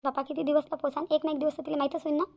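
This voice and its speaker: A woman's voice: sits high, little pitch movement, racing, vocal fry. A woman voicing a devoted, resigned middle-aged village mother in a cartoon, with a plaintive, repetitive way of speaking. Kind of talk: cartoon voice acting.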